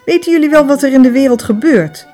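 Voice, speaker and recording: A woman's voice: mid-range voice, normal speed, warm tone, faint music behind, natural voice. A woman reading an audiobook voices an urgent, angry young man, the eldest son, with a raised, insistent voice. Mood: agitated.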